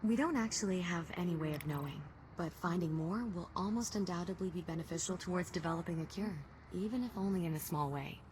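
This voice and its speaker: A woman playing a calm, precise facility aide in a video game, speaking in a measured, formal way. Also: lowish voice, a little hiss or hum, lightly acted. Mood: calm, helpful.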